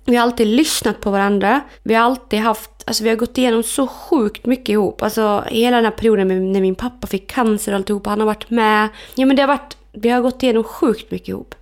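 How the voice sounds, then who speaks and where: A woman's voice: a little high, few pauses. A woman co-hosting a podcast, chatting casually and acting out quoted conversations as she tells stories. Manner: animated storytelling, acts out quoted dialogue. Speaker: podcast co-host. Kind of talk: casual chat.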